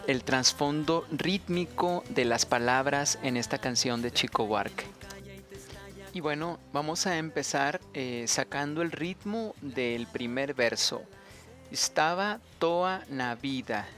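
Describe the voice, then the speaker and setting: A man's voice: medium pitch, fairly bright tone. A man with a Mexican Spanish accent, patiently and methodically explaining songwriting rhythm as a teacher. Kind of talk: instructional explanation.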